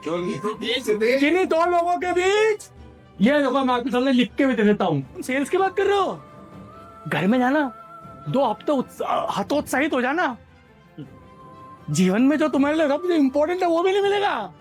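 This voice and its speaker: A male sales trainer giving an energetic motivational seminar in a hall and drilling the audience to repeat his lines. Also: very high voice, normal speed, soft background music.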